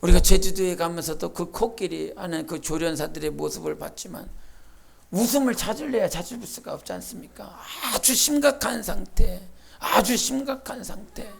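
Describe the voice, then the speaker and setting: A woman pastor preaching a sermon in a church, with emphatic bursts, quiet asides and acted-out quotes. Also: lowish voice, normal speed, vocal fry, breathy edge. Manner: acts out quoted speech and imitates sounds. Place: church sanctuary.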